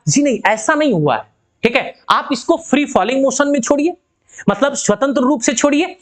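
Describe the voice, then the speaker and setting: A woman's voice: high-pitched, lively intonation, fairly quick. Woman teaching physics online. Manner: asks rhetorical questions and keeps checking in with students; addresses students affectionately. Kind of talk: online video lesson.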